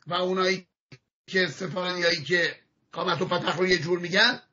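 A man gives a religious lesson on Hebrew pronunciation, patiently repeating and demonstrating sounds and often clearing his throat. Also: sits high, fairly even intonation, bright, forceful tone. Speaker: rabbi teaching Hebrew pronunciation. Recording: muffled lo-fi audio archive.

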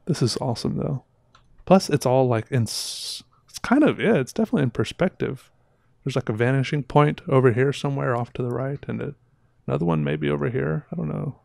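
Slightly fast, with big pitch swings, vocal fry, and a darkish mid-range tone, a man in his thirties with a slightly sore throat reviews viewer art on a casual livestream. He's chatty, rambling, and keeps interrupting himself. He speaks into a headset boom mic in a small room, and the studio-quality audio has no room sound.

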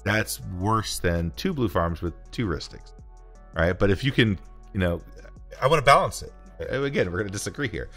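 A man in his thirties, a podcast co-host on a video call from home, explaining strategy in a measured way and swearing casually. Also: lowish voice, lively intonation, fairly bright tone, faint music behind. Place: home room.

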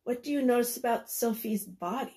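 A woman teacher reading a picture book aloud to children, pausing to ask them questions and sometimes dropping to a whisper. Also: a little high. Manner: gentle, asks the children questions, drops to whispers. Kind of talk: children's read-aloud lesson.

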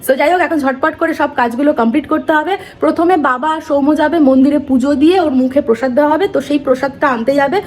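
A young woman with a Bengali accent, chatting casually to camera as a family vlogger. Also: sits high. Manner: chatty, quick, mixes English words into Bengali. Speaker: vlogger, mother of the baby. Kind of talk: casual vlog narration to camera.

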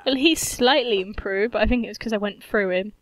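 A woman's voice: medium pitch, brisk, noisy background. A woman giving casual gameplay commentary, playful, cheerfully swearing and humming to herself. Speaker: gaming channel host.

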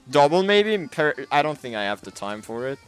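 Excitable young man streaming a shooter. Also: fairly high pitch. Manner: excitable, laughing, trash-talking. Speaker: gaming streamer. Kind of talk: casual gameplay commentary. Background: anime music.

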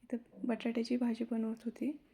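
A young woman vlogger narrating her daily routine in a soft-spoken, chatty, reflective way. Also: on the high side, completely flat delivery, moderate pace, slightly rough. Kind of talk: casual daily vlog narration.

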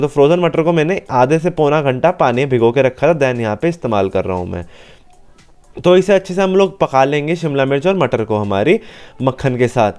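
A man's voice: fairly high pitch, a little mellow, clear, resonant tone. A young man hosting a cooking channel, explaining each step in a chatty, step-by-step tutorial voice-over. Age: young adult.

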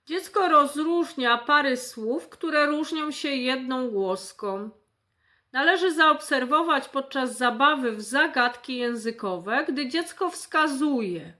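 A woman's voice: sits high, sharp tone. A woman speech therapist reading a checklist aloud, carefully articulating each example word. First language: Polish.

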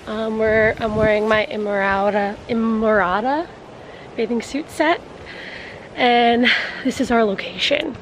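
A woman's voice: fairly high pitch, a little slow, noisy background. A woman, chatting casually to a handheld vlog camera. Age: 20s. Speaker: vlogger. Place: holiday villa, mostly outdoors by pool and garden. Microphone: handheld camera at arm's length or propped nearby.

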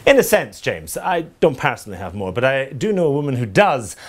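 A man playing a smug, deadpan news anchor in a TV studio. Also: mid-range voice, a little fast.

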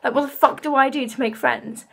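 Young woman, 18, high voice, tearful rambling vlog vent with casual swearing. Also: fairly even intonation, a little fast, creaky, a bit bright. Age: young adult. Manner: emotional, rambling, swears freely. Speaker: vlogger. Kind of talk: casual venting to camera.

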